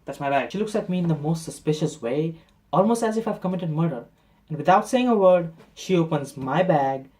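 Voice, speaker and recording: A man's voice: fairly high pitch, a little mellow. A man from India, a travel vlogger, telling his story in an exasperated, self-mocking way. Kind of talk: vlog narration and commentary.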